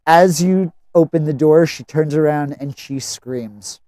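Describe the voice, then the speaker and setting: A man serving as game master and narrating a tabletop game, deliberate and focused on the rules. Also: a little high, dark tone, dry recording, clean studio sound.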